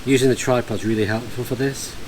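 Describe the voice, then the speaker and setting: Speaking briskly with medium pitch and fairly even intonation, a man narrates a hands-on task in an easygoing, halting way. He is a ham radio hobbyist vlogging from outdoors and from inside a barn, with clear ambient sound around him.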